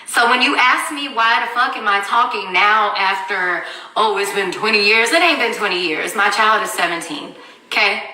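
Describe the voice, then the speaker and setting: Angry, blunt woman, bright and echoey. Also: medium pitch, normal speed. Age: 30s. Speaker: mother telling her story. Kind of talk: livestream rant. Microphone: phone. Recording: echoey room, far from the mic.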